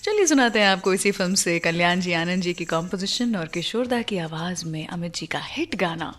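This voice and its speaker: Fairly quick and expressive, this woman has a lowish, slightly bright voice. She hosts a music show on the radio, telling stories in a scripted yet chatty way peppered with English phrases, while music plays under her voice.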